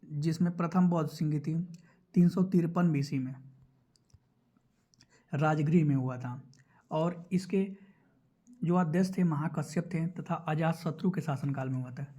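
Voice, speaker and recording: In an explanatory exam prep lesson covering quiz questions, a man with a high-leaning, mellow voice speaks unhurriedly and pauses often. He walks through each step, repeats important points instructively and checks in with his listeners.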